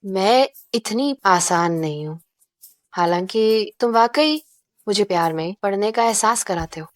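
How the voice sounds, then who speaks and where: A woman's voice: mid-range voice, expressive, measured pace, dry recording, studio quality, natural voice. An actress dubbing a coy, calculating young female livestreamer who speaks in a teasing way over faint music. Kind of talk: dubbed drama dialogue.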